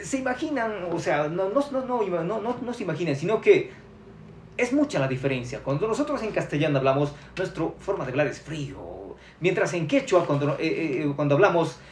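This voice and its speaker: A man's voice: a little high, roomy sound, a little hiss or hum. A man teaching Quechua on a live stream, chatty and upbeat, reading out viewer comments and repeating words.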